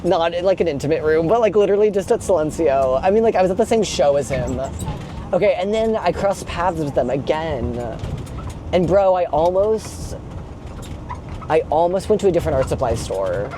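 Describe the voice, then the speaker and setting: A young male vlogger with a fairly high, expressive voice talks at a normal speed while driving a moving box truck. His chat is casual and confessional, rambling, sweary and full of "like." Engine and road noise come through clearly in the recording.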